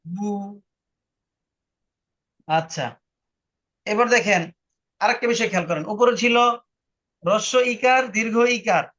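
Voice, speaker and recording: A man's voice: high-pitched, moderate pace, pauses often, pushed and bright. A man teaching a spoken language lesson, patiently explaining rules and repeating them for his student. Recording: muffled lo-fi online recording.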